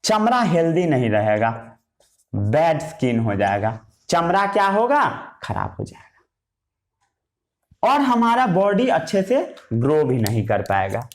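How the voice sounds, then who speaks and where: Lively-voiced man teaching a science class. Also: on the high side, unhurried. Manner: repetitive question-and-answer teaching, writing as he talks. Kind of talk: Hindi science lesson with English terms.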